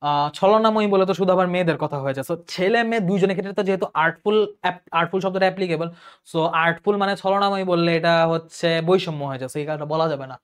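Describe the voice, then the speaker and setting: A man's voice: sits high, racing, smooth. A young man teaching an online class, explaining and repeating words and asking and answering his own questions.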